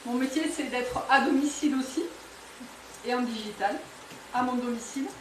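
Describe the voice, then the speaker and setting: A woman's voice: fairly high pitch, moderate pace, noisy background. A woman from southwest France with a southwestern French accent, talking her way through a live cooking demo in a home kitchen, chatty and enthusiastic, with many fillers and restarts. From southwest France, near Toulouse. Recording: roomy, a bit distant from the mic.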